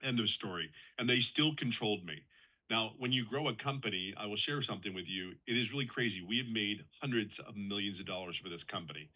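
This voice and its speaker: A man's voice: lowish voice, fairly quick, bright, forceful tone, low-quality recording. A man in his fifties sharing his personal story as a guest on a live call, earnest and conversational, often restarting and repeating himself for emphasis. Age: 50s.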